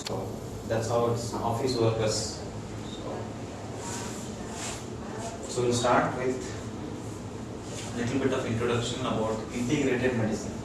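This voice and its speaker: A man's unhurried, level voice of medium pitch comes with long pauses and an Indian accent. He is a doctor informally lecturing a small group on integrative medicine, repeating short phrases and confirming that his audience follows along. Recorded in an echoey room on a distant mic, the clip is noisy.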